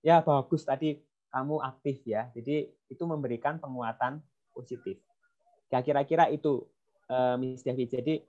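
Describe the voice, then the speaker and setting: A man speaking to parents in a webinar, telling anecdotes and acting out dialogue, with frequent fillers. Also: fairly high pitch. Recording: dull lo-fi online audio.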